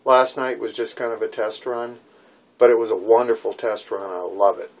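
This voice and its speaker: A man's voice: on the low side, flat delivery, moderate pace. A man in his sixties casually vlogging from a small boat cabin, rambling with many fillers, recorded on a handheld phone. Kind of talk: casual vlog. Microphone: phone camera at arm's length.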